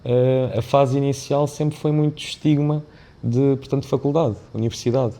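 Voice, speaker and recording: At normal speed, in a mellow, medium-pitched, steady voice, a podcast guest who founded and runs a business as CEO shares his thoughts. He has a European Portuguese accent, Mozambican birth and Indian family roots. His reflective, wandering answers often end with a tag question to check in.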